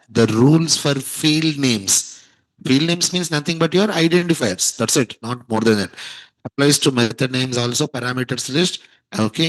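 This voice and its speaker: A man's voice: mid-range voice, no echo, rough recording. A man teaching a programming class, quizzing students and repeating key terms. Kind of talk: classroom lecture.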